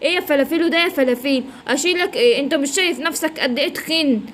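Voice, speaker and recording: A woman's voice: high voice, rapid-fire, a bit bright, a little hiss or hum. A woman with an Egyptian accent voicing a cheeky, teasing parrot in a children's story. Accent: Egyptian Arabic. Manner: teasing, chatty.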